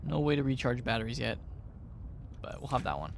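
A man's voice: mid-range voice, big pitch swings, brisk, gravelly, a little hiss or hum. A man giving let's play commentary, chatty and thinking aloud as he plays, often unsure of himself. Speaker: gamer.

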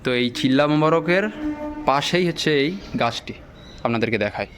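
A man giving a walking-tour vlog narration, speaking in a deliberately hushed, reverent way. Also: mid-range voice, expressive, over music. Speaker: vlog host and guide. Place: outdoors in a cemetery. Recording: clearly noisy on-location ambient sound.

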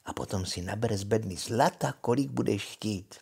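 An older grandfather voicing a scheming old witch woman in a read-aloud fairy tale, pushing her words high and coaxing. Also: gravelly, darkish tone, slightly rough, exaggerated voice.

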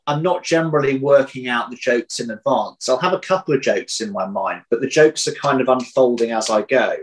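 A man in his thirties, an audio drama writer appearing as an interview guest, speaks casually and reflectively, often rewording his thoughts as they come. He is indoors at home on a video call, the computer at arm's length. His voice is mid-range and the audio is poor.

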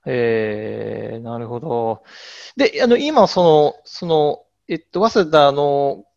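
A man's voice: mid-range voice, slow, creaky, a little mellow. A man hosting an interview, asking polite questions and nodding along with frequent agreeing words. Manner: polite, lots of agreeing backchannels. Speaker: host, interviewer. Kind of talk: casual interview. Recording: dull lo-fi audio.

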